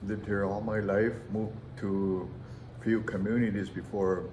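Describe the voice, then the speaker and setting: Low-voiced man with an Inuit accent. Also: little pitch movement, a little slow, mellow. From Arviat, Nunavut, Canada. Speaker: mayor and interviewee. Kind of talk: conversational interview answers. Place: indoor council chamber. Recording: roomy echo, background noise.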